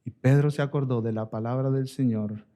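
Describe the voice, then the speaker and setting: A male pastor preaching a sermon, swinging from emphatic high lines down to hushed, slow ones and calling his listeners brothers. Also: steady tone. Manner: rises to emphatic highs, then drops to hushed, slow lines; addresses listeners as brother and sisters.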